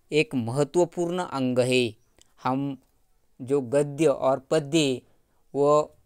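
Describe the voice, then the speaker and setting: A middle-aged man teaching Hindi grammar, taking his time and reading words from a list one by one. His voice is smooth and clear, recorded close and dry. He often says a point twice. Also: a little high, dry recording. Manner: reads word lists aloud and repeats points. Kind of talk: grammar lesson.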